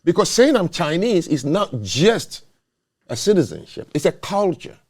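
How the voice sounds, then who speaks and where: A talk show host with a high-sitting, darkish, very animated voice speaks at a moderate pace. Born outside the US and now a naturalized citizen, he argues his case in an emphatic, lecturing manner during an opinionated discussion.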